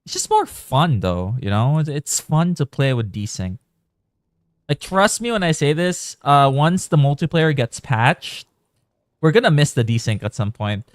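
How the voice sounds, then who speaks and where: A man's voice: on the high side, very animated, measured pace, dry recording, studio quality. A man from the Philippines giving casual, rambling commentary while live-streaming a game. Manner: chatty, rambling, thinking aloud.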